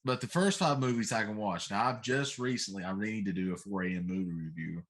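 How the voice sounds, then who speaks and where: Speaking fast in a fairly low, somewhat bright voice, this middle-aged co-host of a laid-back talk show airs grumbling, emphatic views on pop culture. He says things more than once to drive them home.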